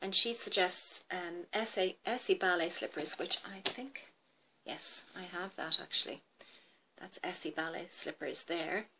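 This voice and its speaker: A woman's voice: on the low side, a little slow, bright, forceful tone, slight background noise. A woman beauty vlogger chatting casually to camera about products, rambling a little and stopping to check names.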